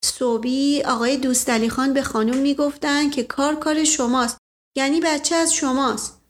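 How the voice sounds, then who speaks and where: A woman's voice: sits high, fairly even intonation, natural voice. A woman voicing a naive, hesitant young housemaid who chatters in a gossipy way. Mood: hushed. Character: young simple-minded housemaid girl, hesitant.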